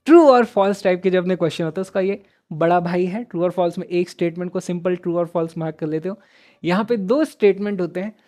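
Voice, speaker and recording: His voice sits high with a darkish tone as the young man runs an online math class, encouraging and conversational. Hindi and English blend freely in his speech, and he addresses students as pals.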